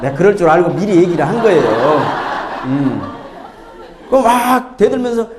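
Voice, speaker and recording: A middle-aged man giving a lively lecture on inheritance law, full of jokes, rhetorical questions and acted-out voices. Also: high voice, moderate pace, echoey room, a crowd in the background, background noise. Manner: animated storyteller, acts out voices, rhetorical questions. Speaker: tax accountant lecturer. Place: lecture hall with audience.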